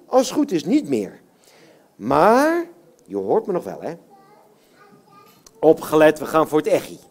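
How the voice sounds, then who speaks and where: A woman puppeteer warms up a young audience at a live show. She sounds cheerful and encouraging, and her pitch rises and falls in a lively, expressive way. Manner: encouraging, cheerful, coaxes the crowd with "hè?".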